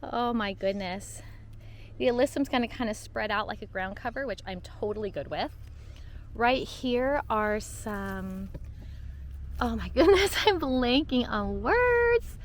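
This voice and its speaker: A woman's voice: medium pitch, a little slow, slight background noise. A woman giving a casual walk-and-talk tour of her vegetable garden, chatty and bubbly, laughing at her own slips, recorded outdoors on a camera she carries.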